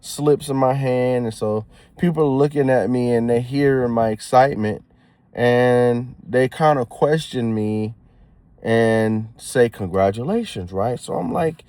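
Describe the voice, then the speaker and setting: A young man telling a story in a casual vlog, slangy and animated, swinging from giddy excitement to hushed, somber talk. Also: mid-range voice, a little slow, no room sound. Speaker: new dad telling a story.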